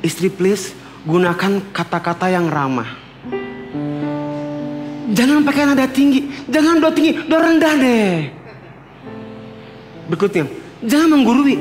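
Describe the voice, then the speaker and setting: A man with a high voice preaches in a church, playful and humorous, often imitating others for laughs. His voice rings through an echoey hall, with faint music behind him. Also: sing-song, a little slow, pauses often. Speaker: pastor. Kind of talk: sermon.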